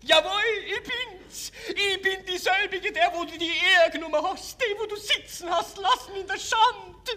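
A man voicing a wronged, anguished peasant mother in a melodrama, in a shrill falsetto with wailing, drawn-out cries. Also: pushed and bright. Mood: bitter, accusing. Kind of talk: melodramatic stage reading in dialect.

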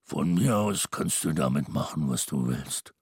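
A man voicing a weary, grumbling old Father Christmas in an audiobook, with a husky, gravelly voice and hesitant, reluctant speech. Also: rumbling low, expressive, unhurried, a little mellow, dry recording, clean studio sound, pitched below the performer's own voice, exaggerated voice. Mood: dismissive. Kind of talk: audiobook character voice.

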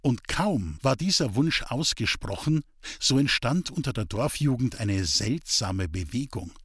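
A man narrating a folk tale in an expressive, scripted storytelling reading. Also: medium pitch, a little slow, breathy edge, no room sound, clean studio sound.

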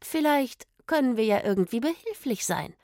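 A woman's voice: fairly high pitch, animated, moderate pace, darkish tone, no echo, clean studio sound, voice pushed up, close to an everyday voice. A woman voicing a jovial, confident male wandering musician in a children's audio story, breezy and laughing.

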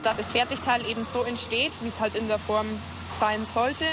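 A woman's voice: on the high side, steady tone, normal speed, background noise. A young woman from the Upper Palatinate, an eighteen-year-old apprentice, explaining her work informally. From Upper Palatinate, Germany. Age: young adult. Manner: informal, with filler words. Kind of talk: casual explanation on site.

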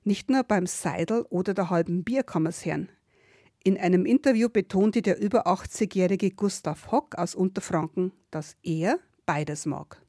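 A woman's voice: lowish voice, normal speed, dark tone, no room sound. Woman radio host with a dry close sound. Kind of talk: radio presenting and interviewing.

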